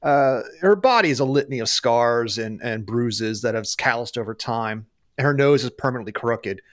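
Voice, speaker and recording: A man working as game master, improvising narration for a tabletop game in an animated, conversational way. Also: medium pitch, moderate pace.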